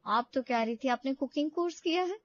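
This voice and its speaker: A woman's voice: high voice, expressive, brisk, dry recording, highs cut off. A woman voicing a teasing young sister-in-law in a cartoon story, cheeky and complaining. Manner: teasing, complains to her mother, calls the bride "bhabhi". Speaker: cartoon character.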